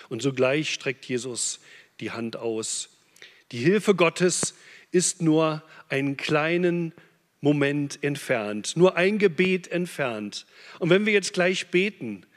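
A man preaching a sermon, impassioned, swinging between loud urgent peaks and hushed low phrases. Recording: long hall reverb.

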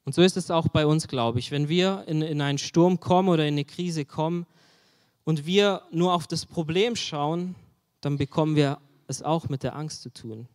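A man delivers a sermon in an earnest, searching way and keeps turning to his listeners with direct questions. His voice sits a little high for a man. A long reverb trails after his words, as in a large hall. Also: normal speed, darkish tone. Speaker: preacher.

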